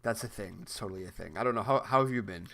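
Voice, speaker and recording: A man's voice: fairly low pitch, rapid-fire, gravelly, fairly bright tone. Rambling, laughing male podcast co-host. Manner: rambling, repeats words and restarts, laughs often. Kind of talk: casual chat.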